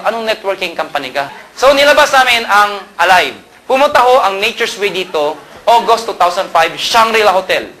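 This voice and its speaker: A man in his thirties from Pangasinan in the Philippines, a company co-owner giving a humorous sales talk and firing rhetorical questions at his audience. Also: sits high. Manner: animated joking storyteller, fires rhetorical questions at the audience.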